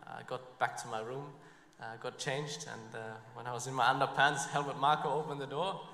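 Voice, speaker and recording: A man's voice: mid-range voice, level tone, fairly quick, echoey room, long reverb tail, over a noisy crowd. A man speaking as a racing driver in a casual interview, playful and laughing often.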